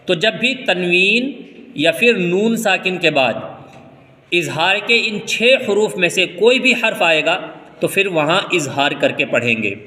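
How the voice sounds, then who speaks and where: A man from India teaching Quran reading, spelling out letters slowly and then explaining the rules quickly. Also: high voice, animated, pushed and bright, long reverb tail. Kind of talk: step-by-step recitation lesson.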